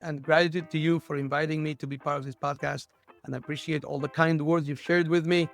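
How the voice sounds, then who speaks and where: A man's voice: on the high side, little pitch movement, fast talker, creaky, faint music behind. A middle-aged man born in Lebanon, a school superintendent chatting cheerfully as a guest over a video call, with light jokes. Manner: cheerful and joking. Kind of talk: casual interview chat.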